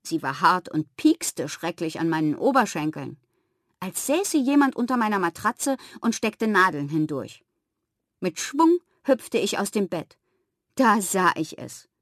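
A woman narrating a children's story in the first person, expressive and animated. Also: on the low side, a little slow, dry recording, clean studio sound. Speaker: audiobook reader.

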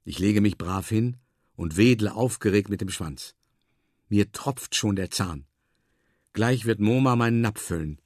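A man reading a children's story in the first person as a dog, in a calm, measured way with drawn-out emphasis. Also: lowish voice, dry recording, studio quality. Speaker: audiobook narrator.

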